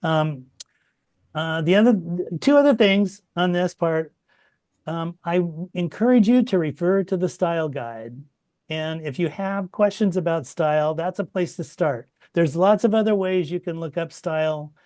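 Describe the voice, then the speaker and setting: A middle-aged man teaching a copyediting workshop over a video call, relaxed and chatty, with many fillers and restarts. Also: on the high side, a little slow. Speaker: workshop instructor. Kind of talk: informal online workshop teaching.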